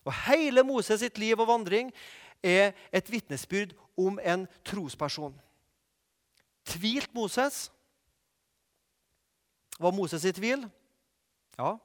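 Male preacher in a high register, lively storytelling sermon with audience questions; long hall reverb. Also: pauses often.

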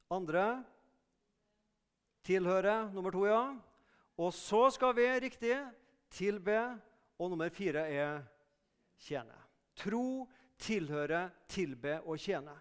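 A man preaching a sermon in a mission hall, earnest and conversational with emphatic raised calls. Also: high voice. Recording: reverberant hall.

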